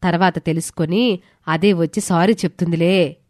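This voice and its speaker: A woman voicing a calm older female friend who gives gentle, measured advice in an audio story. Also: lowish voice, dry recording, clean studio sound, lightly acted. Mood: soothing. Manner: soothing and measured.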